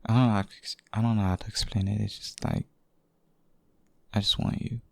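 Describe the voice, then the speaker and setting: A man voicing a devoted, possessive boyfriend in an intimate, hushed ASMR role-play, speaking haltingly and tenderly. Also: fairly low pitch, flat delivery, vocal fry, no room sound. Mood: hesitant, confessing. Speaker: audio role-play performer.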